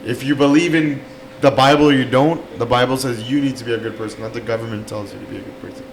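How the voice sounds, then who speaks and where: A man's voice: medium pitch, fairly even intonation. A man co-hosting a casual podcast talks earnestly and draws out his phrases. His voice sits in the middle range. A faint hum runs behind him. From Canada. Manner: earnest, urging listeners, drawn-out phrases. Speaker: podcast co-host. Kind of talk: casual chat.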